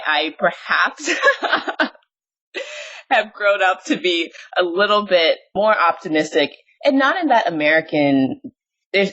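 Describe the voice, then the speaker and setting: In a conversational interview, a podcast host speaks candidly with self-deprecating humor and frequent bursts of laughter. Her voice is on the low side and a bit bright, captured in dull lo-fi audio.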